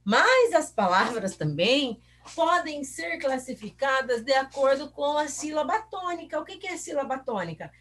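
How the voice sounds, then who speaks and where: A woman teacher walks young pupils through a review lesson, patient and encouraging. Her voice sits fairly high and swoops lively up and down. She drags out example words slowly, syllable by syllable. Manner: patient, encouraging, asks the class questions.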